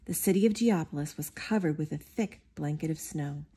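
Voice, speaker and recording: A woman with a warm, slightly husky, somewhat low voice reads a children's picture book aloud a little fast. She narrates steadily but switches to bright, excited character voices, making the reading expressive and lively.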